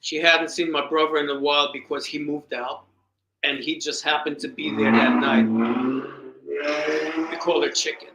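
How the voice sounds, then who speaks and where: Bright, high-voiced man telling stories. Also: moderate pace, long pauses, slight background noise. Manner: animated storyteller, acts out voices in quotes. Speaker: podcast co-host. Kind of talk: casual conversation and storytelling. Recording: echoey room.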